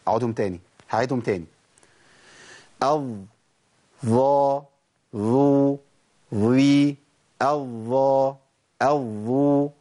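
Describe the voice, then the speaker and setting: Brisk Egyptian tajweed teacher. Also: male voice, fairly high pitch, darkish tone. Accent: Egyptian Arabic. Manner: asks and answers his own questions, demonstrates letter sounds. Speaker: Quran recitation teacher. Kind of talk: tajweed lesson.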